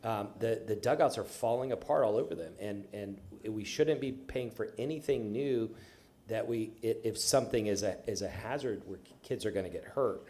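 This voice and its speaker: Low-voiced councilman, halting questions. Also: a little mellow. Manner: halting, many restarts and fillers, questioning. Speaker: city council member. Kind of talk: public budget hearing discussion. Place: council chamber.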